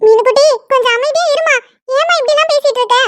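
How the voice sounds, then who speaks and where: A woman voicing an elderly cartoon grandmother who calmly soothes the young couple in a gentle, coaxing way. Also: very high voice, fast, no room sound, voice pushed up. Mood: soothing.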